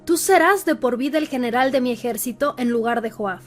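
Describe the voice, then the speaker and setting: Grieving old king crying out slow and drawn out, read by a lady, high voice, faint music. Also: close to an everyday voice. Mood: pleading.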